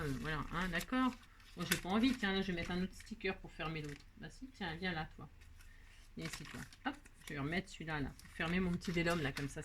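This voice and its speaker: A little hiss or hum runs under this clip of a middle-aged woman casually narrating a crafting tutorial in a mid-range voice. As she works, she chats to her viewers and to herself, using plenty of fillers.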